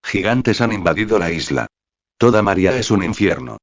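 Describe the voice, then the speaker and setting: A synthetic male voice plays a furious, gruff garrison captain who barks at his men in a storybook. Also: on the low side, lively intonation, moderate pace. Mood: stern. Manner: barking and stern. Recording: dry, slightly dull lo-fi sound.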